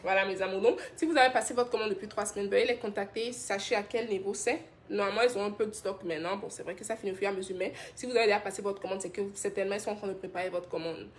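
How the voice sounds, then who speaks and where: A woman's voice: mid-range voice, fairly even intonation, very fast, hardly any pauses, a little hiss or hum. A woman from Benin, hosting a live stream and chattily answering viewer comments about skincare. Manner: chatty and affectionate, laughs often, reads comments aloud. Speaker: skincare brand host.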